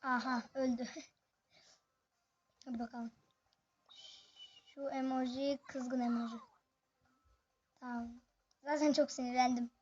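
A gaming video host giving excited, chatty live commentary on a match and talking straight to the viewers. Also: high voice, husky, muffled recording.

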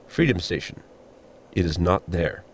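Here a man plays the ship's robot servant in a sci-fi comedy audio drama, dry and dutiful, speaking formally, precisely and deadpan. His voice is low and his pace unhurried.

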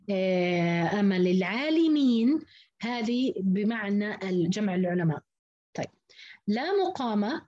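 A woman's voice: mid-range voice, darkish tone, husky, muffled recording. A woman teaching a lesson on Quranic reading variants, explaining step by step and repeating words to model how they are pronounced.

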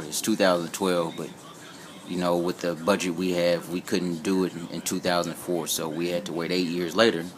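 A man's voice: low voice, slight background noise. An American man from Indiana chats casually in a rambling, joking, colloquial way as an amateur sneaker reviewer, recorded on an old flip phone in a room at home. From Indiana, United States. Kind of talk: casual vlog chat. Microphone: flip phone held behind the camera.

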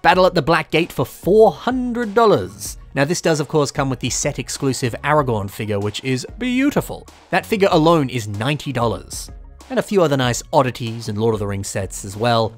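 Fairly quick and sing-song, this young Australian collector's medium-pitched voice runs over soft music as he vlogs his shopping. He's casual and talkative, offering firm views on the toy prices he's comparing.

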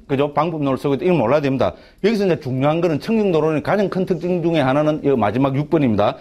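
A man's voice: on the high side, darkish tone. A middle-aged man with a Gyeongsang Korean accent, a monk giving a chatty class lecture on a Buddhist text, constantly asking the class "right?" and restarting his sentences.

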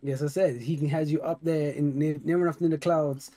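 A man hosting a dating game show inside a role-play game, with smooth emcee patter. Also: on the high side, steady tone, fairly quick, mellow, no echo.

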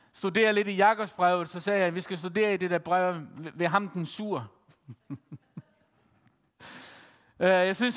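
A man preaching a sermon as pastor, telling a story in a measured way with frequent pauses and fillers. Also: high voice, a bit bright. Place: church. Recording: church hall with long reverb.

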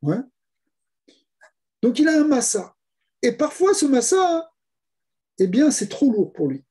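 A man's voice: extremely high pitch, big pitch swings, takes it slowly, mellow, breathy edge. A man, a rabbi, giving a Torah lesson, explaining step by step with rhetorical questions and repeated key words. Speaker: rabbi teaching.

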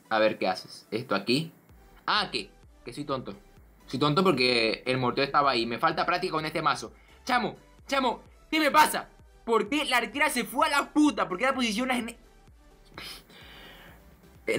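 Excitable Venezuelan man, bright edgy voice. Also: fairly high pitch. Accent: Venezuelan Spanish. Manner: excitable, repetitive, swears in frustration. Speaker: gaming channel host. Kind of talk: live gameplay commentary. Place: his bedroom at home.

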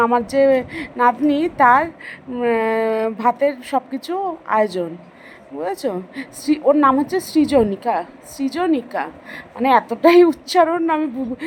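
A woman's voice: on the high side, a little mellow, a little hiss or hum, rough recording. A middle-aged woman vlogger narrating family photos in a chatty, affectionate way, stopping to explain who is who in the family.

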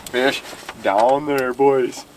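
Excitable outdoorsman on a lake. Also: mid-range voice, very slow, noisy background. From Minnesota. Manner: excitable, hyped-up fishing talk. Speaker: fishing vlogger. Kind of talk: casual outdoor vlog talk. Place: outdoors by a lake, then in a small boat on open water. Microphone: camera mic, handheld at arm's length then on a mount. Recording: outdoor camera audio with music behind. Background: music.

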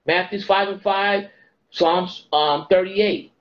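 A man's voice: high-pitched, fairly even intonation, slow. A middle-aged man teaching the Bible informally to a phone camera in a small room, quoting scripture in a preaching cadence and lifting his voice on key words. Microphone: phone camera held close. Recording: dull lo-fi phone audio.

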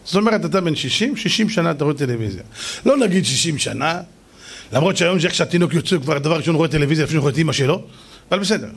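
A middle-aged man, a rabbi, telling stories in a lively sermon and acting out the people in them. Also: fairly high pitch, husky. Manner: animated, acts out shouting voices, jokes with audience. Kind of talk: storytelling sermon.

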